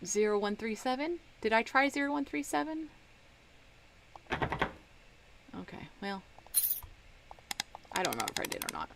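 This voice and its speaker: A woman's voice: on the high side, big pitch swings, unhurried, gravelly, pauses often, a bit bright, slight background noise. A woman with a Southern American accent, casually commenting while playing a puzzle game and muttering to herself as she works. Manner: chatty, thinks aloud, mutters to herself. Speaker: gaming streamer. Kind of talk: casual let's-play commentary.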